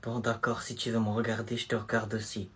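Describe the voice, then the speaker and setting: A man's voice: lowish voice, monotone, a little fast, fairly bright tone, pitched below the performer's own voice, lightly acted. A man doing a sweet naive little boy. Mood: tender. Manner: tender, sweet-talking.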